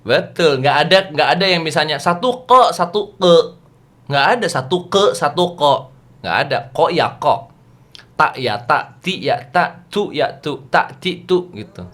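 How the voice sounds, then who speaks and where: A man teaching a youth religious class over a video call, playful and animated, quizzing his listeners as he talks. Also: fairly high pitch, a little slow. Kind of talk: lively lecture to teens.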